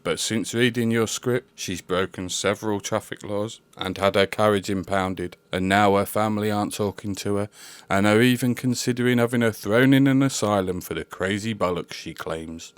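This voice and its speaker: A man's voice: lowish voice, moderate pace, clear, resonant tone, dry recording, close to an everyday voice. A man playing a sardonic, mocking ghost of the present in a comedy sketch. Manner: mocking, dry commentary.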